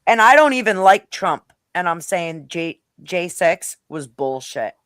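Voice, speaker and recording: A woman's voice: on the low side, big pitch swings, a little slow, fairly bright tone, dry recording, clean studio sound. A blunt woman who swears freely, talking casually in a live discussion. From Rhode Island, now Western New York.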